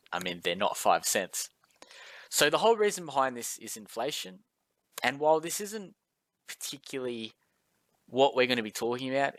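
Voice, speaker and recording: A man's voice: fairly low pitch, fairly bright tone, no room sound. A man teaching a recorded maths lesson in a casual, chatty way with filler words.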